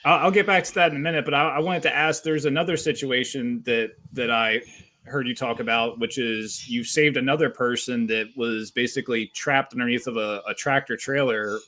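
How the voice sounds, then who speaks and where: A man's voice: medium pitch, fairly even intonation, a little fast, pushed and bright. A man hosting a casual interview, asking questions hesitantly with repeated words and fillers. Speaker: podcast host.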